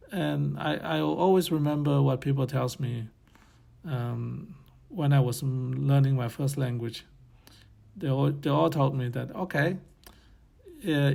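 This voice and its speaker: A man's voice: medium pitch, vocal fry, mellow, slightly rough. A man hosting his own channel, giving casual advice in a rambling way, chuckling now and then, with loose phrasing. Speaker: channel host.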